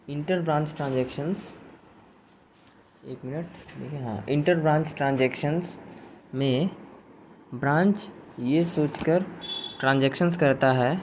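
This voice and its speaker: A man's voice: on the high side, darkish tone, a little hiss or hum. A man teaching a recorded accounting lecture in a chatty way, mixing in English terms and answering imagined questions from students.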